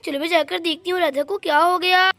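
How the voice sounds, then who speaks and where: A woman's voice: very high voice, fairly even intonation, brisk, pushed and bright, no echo, heavily acted. A woman voicing a bossy mother in a doll story who scolds and reassures in turn. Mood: stern.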